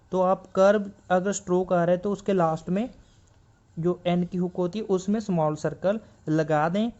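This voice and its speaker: A man teaching shorthand in a classroom style, patiently repeating each point and reading textbook lines slowly. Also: high voice, warm tone, muffled recording. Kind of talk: classroom explanation.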